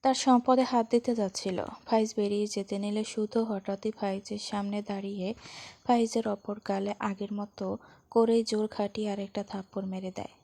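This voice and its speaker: A woman storyteller reading a romance story aloud in a steady, even way. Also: medium pitch, moderate pace, gravelly.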